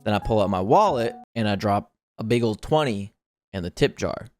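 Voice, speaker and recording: A man's voice: fairly low pitch, animated, moderate pace, a little mellow. Man, twenties, casual storyteller, slangy, conversational, faint background music. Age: 20s. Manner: conversational, slangy, acts out quoted dialogue. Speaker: streamer telling a story to live chat. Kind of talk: casual animated storytelling to a chat.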